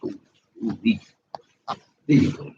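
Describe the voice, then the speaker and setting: A man's voice: slow pace, dull audio. A man joining his partner's livestream, joking around in playful slang while they share food. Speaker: host's partner. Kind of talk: casual livestream chat. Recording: echoey, noisy phone livestream.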